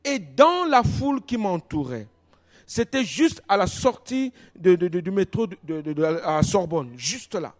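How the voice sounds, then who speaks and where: An animated male pastor preaches with a bright, high voice in a church, moving from hushed storytelling to loud declarations. He presses on with lively, dramatic emphasis. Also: unhurried. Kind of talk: sermon.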